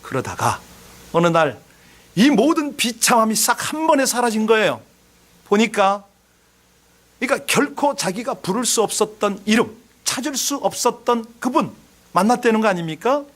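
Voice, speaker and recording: A man's voice: high voice, very animated, normal speed, fairly bright tone. A male pastor giving a sermon, earnestly asking the congregation questions and telling a story with rising emphasis.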